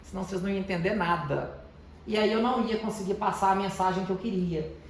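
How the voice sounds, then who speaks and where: Man speaking in a very echoey hall. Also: high voice. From Brazil, Minas Gerais. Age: 30s. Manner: deliberately calm, slowed and softened delivery. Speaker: motivational speaker to teenagers. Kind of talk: motivational talk. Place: large echoey house of prayer. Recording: very echoey hall, faint background noise.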